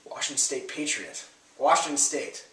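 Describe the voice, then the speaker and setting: A man's voice: fairly high pitch, moderate pace. A young man co-hosting a casual podcast, bantering and joking as he wraps up the show. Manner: jokey, rambling sign-off banter. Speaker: podcast co-host. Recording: echoey room, mic at a distance, faint noise.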